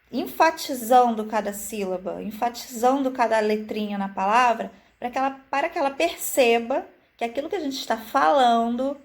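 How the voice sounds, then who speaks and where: A woman explains classroom activities to viewers, stretching out example words syllable by syllable and often filling pauses with "é" and "né". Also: fairly high pitch. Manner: frequent "é" and "né" fillers. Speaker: early-childhood educator. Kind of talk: teaching video, explaining activities.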